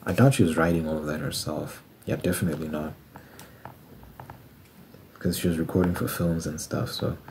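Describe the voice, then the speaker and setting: A man's voice: very deep voice, level tone, normal speed, pauses often, background noise. A man in his twenties chatting casually on an ASMR channel, musing aloud and doing sums as he talks to himself. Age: 20s. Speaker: ASMR creator and musician. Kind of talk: casual rambling ASMR chat.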